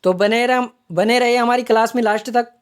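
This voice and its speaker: A woman's voice: fairly high pitch, fairly even intonation, normal speed, smooth. A woman teaching an online exam-prep grammar lesson, explaining step by step and repeating each term as she points it out. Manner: explanatory, repeats terms while pointing them out.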